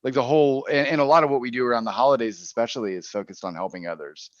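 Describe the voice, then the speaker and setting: A man's voice: mid-range voice, no echo. A man hosting a casual livestream panel, asking questions with many restarts and repeated words. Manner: halting, repeats words while phrasing questions. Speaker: panel host. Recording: muffled dry online audio.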